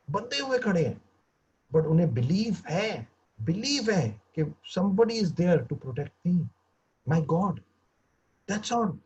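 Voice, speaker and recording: A man's voice: fairly high pitch, a little mellow, husky. A man, a motivational trainer, telling a story and drawing lessons from it, often switching into English phrases, heard over a video call. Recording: muffled lo-fi video call audio.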